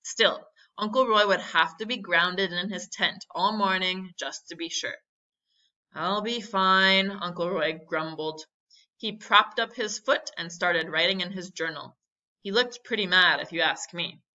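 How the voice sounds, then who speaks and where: A woman teacher with a fairly low, bright, forceful voice reads a children's book aloud a little slowly and with expression, pausing to explain and ask questions. The storytime audio is muffled and lo-fi.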